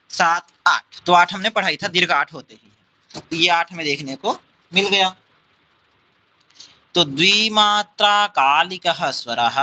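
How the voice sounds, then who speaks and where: A man teaching Sanskrit grammar in an unhurried lecture, explaining each term step by step, repeating it, and checking with his class through quick questions. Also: fairly high pitch, pushed and bright, low-quality recording.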